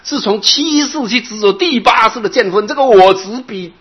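Husky man giving a dharma talk. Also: high voice, normal speed, fairly bright tone. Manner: expounding, drawing out particles, repeating phrases. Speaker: Buddhist teacher. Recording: dull lo-fi recording.

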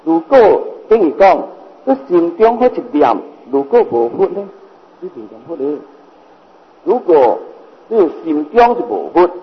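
An older Buddhist master with a high, breathy voice preaches in Mandarin shaped by a Hokkien accent. He relies on repetition and rhetorical questions, and the recording comes from a hall with dull, lo-fi, reverberant sound.

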